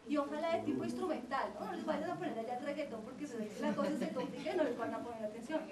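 A woman's voice: high-pitched, rapid-fire, a crowd in the background. A woman giving a lecture to parents and teachers on child development. She explains at length and keeps checking in with the audience. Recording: roomy lecture recording from a distance.

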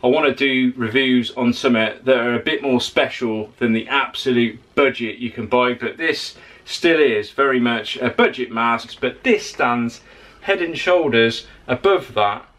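A man's voice: medium pitch, measured pace, fairly bright tone. Guy in his 40s talking through a tool review in his workshop, practical, gives straight advice. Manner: plain-spoken, practical, advice-giving. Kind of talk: casual product review. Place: home workshop with tools on the wall.

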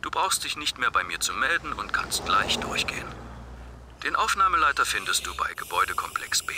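An actor voicing an officious studio gate guard in a video game, with traffic noise behind. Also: male voice, medium pitch, sing-song, brisk, close to an everyday voice. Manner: officious, matter-of-fact.

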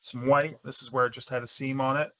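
A man's voice: mid-range voice, fairly quick. A man co-hosting a crafting channel, chatting casually while unboxing and naming colors as he sorts scraps in a craft room, picked up by a camera across the room. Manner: relaxed, names colors as he sorts.

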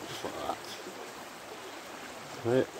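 A Scottish man in his forties, chatting to camera and thinking aloud as he cooks at a riverside camp. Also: extremely slow. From Scotland. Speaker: outdoor vlogger. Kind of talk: casual chat to camera. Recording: outdoor recording with river noise. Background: flowing river.

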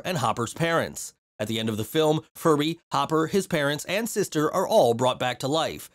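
A man narrating a movie recap in a steady, even scripted read. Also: a little high.

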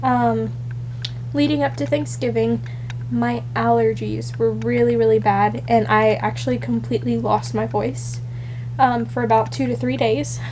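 A young woman vlogger in her twenties, unwell and shaky, speaks a little slowly in a fairly high, level, darkish voice, with slight background noise. Her casual personal vlog wanders, with frequent fillers and restarts, and is shot close up on a camera's built-in mic in a small bedroom.

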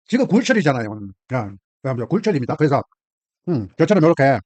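The cooking host speaks quickly in a fairly high, slightly mellow voice with big swings in pitch. He's a middle-aged man with a Gyeongsang Korean accent, chatty and laughing as he exclaims to viewers, heard in a dull, lo-fi, dry recording with no room sound.

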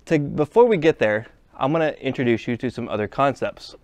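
An HVAC instructor teaches a hands-on trade lesson at a workshop bench, explaining each step plainly as he handles parts. His mid-range, darkish voice is brisk with lively intonation.

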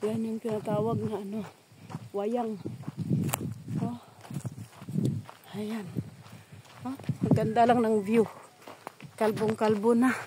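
A woman vlogs outdoors on a parched farm, talking straight to her viewers in a slow, unhurried, chatty way. Her voice sits a little high. Loud outdoor noise runs under everything she says. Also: level tone. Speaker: vlogger. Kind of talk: casual vlog commentary. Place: outdoors on a dry rural farm.

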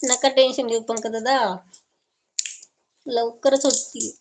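A woman's voice: fairly high pitch, level tone, slow, background noise. A woman from Maharashtra chatting casually on a live stream, reading viewer comments aloud and answering each viewer affectionately.

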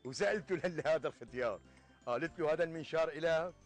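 Actor as older Syrian man, quick folk-tale storyteller. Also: fairly high pitch, faint music behind, natural voice. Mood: storytelling. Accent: Syrian Arabic. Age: 60s. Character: older village man patiently telling a moral folk tale. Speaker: actor in a TV sketch. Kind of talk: telling an Arabic folk tale. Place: outdoors in a leafy garden.

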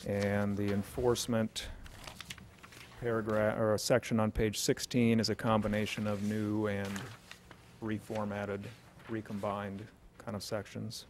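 A middle-aged man at a podium mic in a council chamber reads off ordinance changes in a flat, low, measured voice. He pauses on filler sounds and keeps an even, businesslike pace. A faint hiss of room noise sits behind him. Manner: measured, matter-of-fact, with frequent uh fillers. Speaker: city official presenting an ordinance. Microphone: podium microphone.

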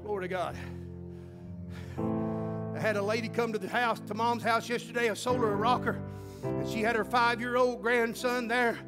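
Fervent preacher man, high voice, loud guitar behind. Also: fairly even intonation, normal speed, pauses often. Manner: fervent, punctuates with "glory to God". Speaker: pastor. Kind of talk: sermon.

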